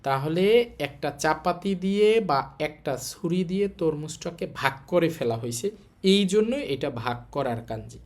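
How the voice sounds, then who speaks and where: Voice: mid-range voice, expressive, moderate pace. A kanji teacher with a Bangladeshi Bengali accent, explaining a lesson patiently, repeating points and asking rhetorical questions.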